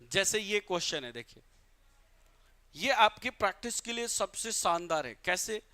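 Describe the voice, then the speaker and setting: In a live online English grammar class, a man from Bihar, India calls his students "beta," asks questions and answers them himself, and reads English examples out slowly. His voice sits high, with a sing-song, sharp tone.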